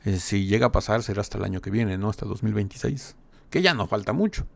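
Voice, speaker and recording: Gravelly low-voiced man translating casually. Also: expressive, quick pace, slight background noise. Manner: relays quotes with frequent "dice" and "¿no?". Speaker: reaction channel host translating a live stream.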